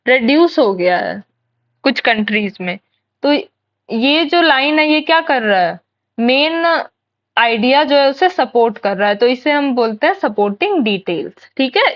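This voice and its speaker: Woman teacher, high voice, slow and patient, muffled lo-fi sound. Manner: explains step by step, asks and answers her own questions, reads English lines slowly. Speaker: English teacher. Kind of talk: exam-prep lesson.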